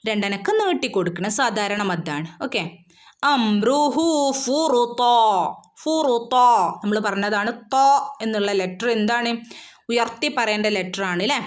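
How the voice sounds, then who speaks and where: A woman teaching Quran recitation, patiently repeating each word and asking and answering her own questions. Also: medium pitch. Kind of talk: recitation lesson, explaining and modelling verses.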